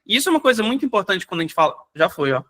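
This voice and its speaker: A high-pitched Brazilian man rattles through a live software demo at a brisk clip. His tone is bright and forward, and he keeps tossing in "né?" and "gente" to the audience. The sound comes over a video call. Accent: Brazilian Portuguese. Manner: energetic, rapid, fills with "né?" and "gente". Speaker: software company founder presenting. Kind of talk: live online workshop demo.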